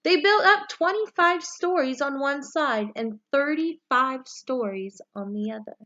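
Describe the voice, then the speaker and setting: A woman reading a children's picture book aloud, with expressive, deliberate storytelling phrasing. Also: sits high, muffled recording. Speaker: story reader, read-aloud for young children.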